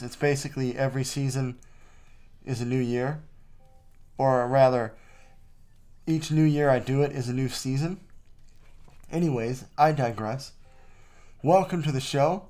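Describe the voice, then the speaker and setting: A man's voice: medium pitch, dark tone, clear, resonant tone. A man recorded too close to the mic, hosting a casual vlog voice-over in a rambling, jokey way. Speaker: vlog host.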